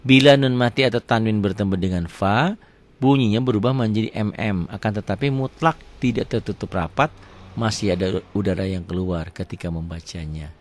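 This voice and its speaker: A man teaching tajwid rules, patiently repeating words slowly and asking and answering his own questions. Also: fairly low pitch. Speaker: Quran recitation teacher. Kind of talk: explaining tajwid rules to students.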